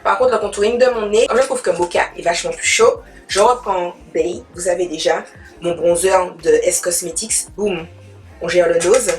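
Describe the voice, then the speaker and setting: A young woman talks through her everyday makeup in a loose, chatty way. Her voice sits a little low, and she keeps slipping English words in between her fillers. Faint music plays underneath. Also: moderate pace. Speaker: beauty vlogger. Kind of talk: casual makeup tutorial chat.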